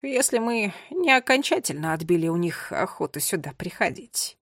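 A stern queen of small creatures speaks in a hushed, grave tone, as a woman puts her on. Her voice sits a little low and quiet. The storybook recording is dry and close. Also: big pitch swings, moderate pace, no room sound, heavily acted. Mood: weary.

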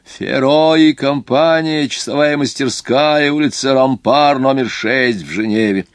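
A man's voice: medium pitch, a little slow, no room sound, studio quality, pitched above the performer's own voice, close to an everyday voice. A man reading an audiobook, voicing a fussy, anxious Swiss watchmaker who takes offence easily.

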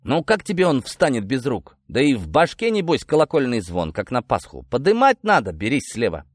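A man voicing a fussy, gruff older militia sergeant major in an audiobook, talking breathlessly and then deferentially. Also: medium pitch, huge pitch swings, normal speed, dry recording. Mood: grumbling.

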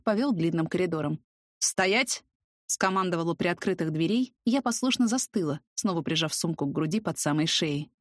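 A woman narrating a first-person audiobook in a lively, expressive way. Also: fairly low pitch, no echo, clean studio sound.

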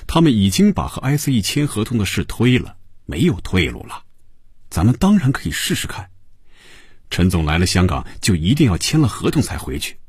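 A man voicing a wily male negotiator who coaxes and pleads in drawn-out tones, in a spoken story. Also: fairly low pitch, sing-song, a little mellow, slightly rough, dry recording, clean studio sound, heavily acted. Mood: coaxing.

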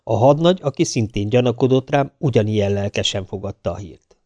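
Egy férfi, aki első személyben, élénk mesélő stílusban olvas fel egy hangoskönyvet. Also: male voice, on the low side, a little mellow, dry recording. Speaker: audiobook narrator. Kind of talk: first-person audiobook narration.

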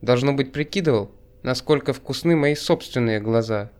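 Бриф: мужчина-чтец, ровное литературное повествование с иронией, голос средней высоты. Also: male voice, medium pitch, normal speed, darkish tone. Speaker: audiobook narrator. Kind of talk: scripted narration.

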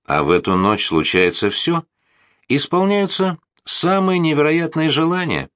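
A man voicing a gruff, sarcastic male police colonel in an audiobook, with a mocking, pitched-up delivery. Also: very animated, a little slow, a bit bright, dry recording, clean studio sound. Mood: solemn.

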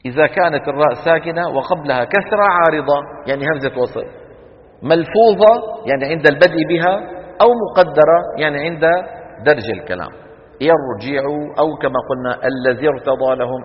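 A man teaching Quran recitation rules to a class, quizzing students with quick questions and chanting the examples slowly. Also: mid-range voice. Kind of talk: classroom lesson on tajweed rules. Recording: dull lo-fi recording with long hall reverb.

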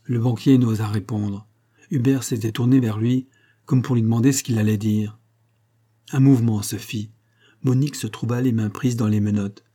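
Mellow husky male narrator. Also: medium pitch, steady tone, normal speed. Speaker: audiobook narrator. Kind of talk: scripted narration.

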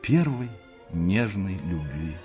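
A man's voice: low-pitched, very animated, slow, mellow, faint music behind, heavily acted. Man voicing a cool, detached aunt.

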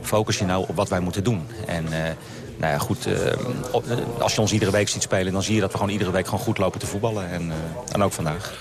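A man's voice: low voice, fairly even intonation, quick pace. A man, a football trainer, giving a matter-of-fact post-match interview. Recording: outdoor crowd noise behind.

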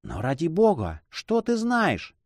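A man's voice: a little high, wildly swooping pitch, a little slow, no echo, clean studio sound, voice pushed up, exaggerated voice. Man voicing Donna Clara, frightened young noblewoman. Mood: desperate. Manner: pleading, emotional, soft. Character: anxious young noblewoman, the hero's sister.

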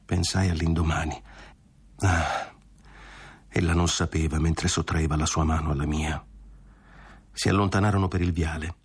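A man narrating a classic novel as an audiobook, with a measured, dramatic reading. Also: extremely low pitch, little pitch movement, husky. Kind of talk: literary reading.

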